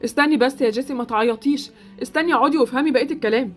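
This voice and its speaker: A woman's voice: high-pitched, rapid-fire, faint music behind. A woman with an Egyptian accent voicing Sultan, a blunt, awkward boy in a Roblox roleplay series. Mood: brusque.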